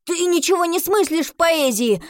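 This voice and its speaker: A woman's voice: on the high side, lively intonation, unhurried, a little mellow, dry recording, studio quality. A woman voicing an earnest lovesick schoolboy who fancies himself a romantic poet and recites verse pompously, in an audiobook. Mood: indignant. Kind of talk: audiobook reading.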